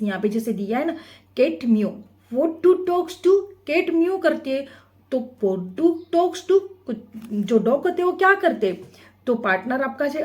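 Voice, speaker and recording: A woman teacher explaining an English textbook lesson, reading the English lines slowly and asking and answering her own questions. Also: a little high.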